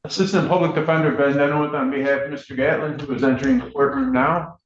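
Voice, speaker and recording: A man's voice: fairly high pitch, lively intonation, fast talker, muffled recording, a little hiss or hum. Male defense attorney, echoey courtroom recording. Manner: formal, procedural. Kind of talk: formal courtroom statements.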